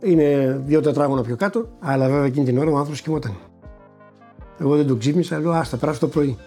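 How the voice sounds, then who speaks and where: A man's voice: on the high side, dark tone, soft background music. An older man recounting a personal story to an interviewer, acting out the dialogue and stumbling over repeated words when he is moved. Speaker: interviewee recounting a lottery win. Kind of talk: personal anecdote told to an interviewer.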